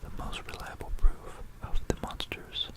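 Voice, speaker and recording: An ASMR storyteller guides listeners through history in a breathy whisper, very slow and deliberate, often pausing and quietly repeating phrases. The voice sits close on a stereo binaural microphone.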